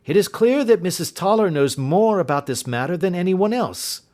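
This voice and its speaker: A man voicing a sharp-minded male detective who speaks crisply and decisively. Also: sits high, animated, moderate pace, voice pushed up. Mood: keen.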